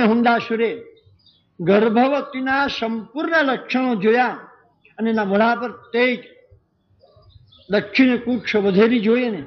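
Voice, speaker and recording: A man telling a devotional story as a sermon, dramatic and speaking straight to his listeners. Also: extremely high pitch. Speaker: religious storyteller. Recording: dull lo-fi recording with faint birdsong.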